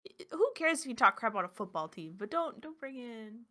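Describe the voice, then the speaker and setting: Woman, casual podcast chat, bright forceful voice, giggly, expressive. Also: on the high side, a little fast. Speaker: podcast co-host.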